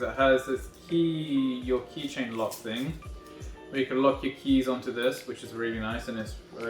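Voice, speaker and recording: A man filming a casual unboxing walkthrough on his phone, talking in a rambling, wry way and correcting himself as he goes. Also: mid-range voice. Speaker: vlogger unboxing a backpack. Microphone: phone recording himself. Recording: echoey room on a phone mic, faint music behind.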